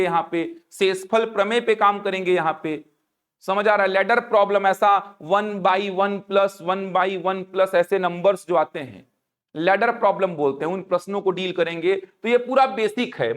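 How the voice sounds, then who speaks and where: Chhattisgarhi-guy teaching exam prep, fairly high voice, keeps asking if you get it. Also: fairly bright tone. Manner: explanatory, often checks if students follow. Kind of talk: classroom lecture walking through a syllabus.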